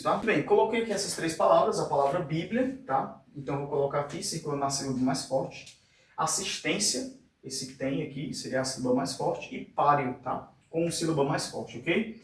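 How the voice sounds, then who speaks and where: A male teacher with a slightly high voice explains a grammar lesson at the board, checking in constantly with quick tag questions. He stretches words out syllable by syllable. The recording is roomy, and he sits a little distant from the mic. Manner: frequent tag questions like "tá?" and "fechado?"; drawn-out syllable-by-syllable pronunciation. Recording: echoey room, voice a bit distant from the mic.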